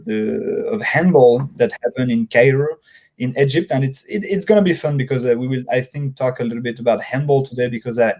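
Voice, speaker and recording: A man from France, with a French accent and a mid-range, darkish voice, speaks as an interview guest. His delivery is halting and conversational, and he repeats words while searching for them.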